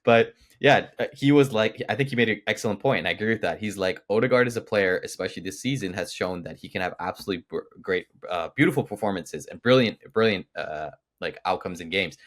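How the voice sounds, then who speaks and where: A young man with a very low, deep voice co-hosts a football podcast. He rambles emphatically, piling up fillers and restarts in casual sports chat. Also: fast, hardly any pauses, fairly bright tone.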